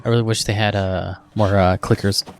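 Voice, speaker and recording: A man with a fairly low voice hosts a reaction video. He talks in a loose, chatty way, thinks out loud and laughs often while he comments. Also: fairly even intonation, a little fast, slight background noise.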